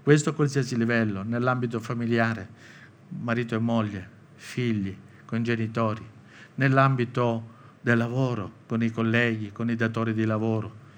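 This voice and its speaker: A man from Italy preaching a sermon, acting out biblical quotes with animated, lively delivery. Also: medium pitch, normal speed, slight background noise.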